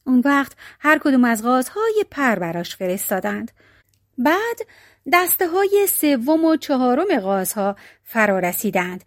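A woman narrating a folk tale with a high, very lively voice. Her reading is expressive and dramatic. The sound is dry and close to the mic. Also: dry recording. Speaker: storyteller. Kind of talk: storybook narration.

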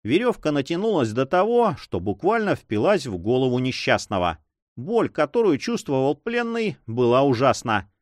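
A man reads an adventure novel aloud in an expressive, dramatic style. His intonation is animated and varied. The voice is recorded close and dry. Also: mid-range voice, moderate pace, no echo. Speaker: narrator. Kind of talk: audiobook reading.

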